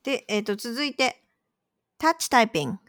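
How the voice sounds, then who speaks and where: Lively-voiced woman explaining words on a podcast. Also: on the high side, fairly quick, no room sound, studio quality. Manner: patient, explanatory, conversational. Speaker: podcast co-host posing quiz words. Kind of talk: casual podcast chat.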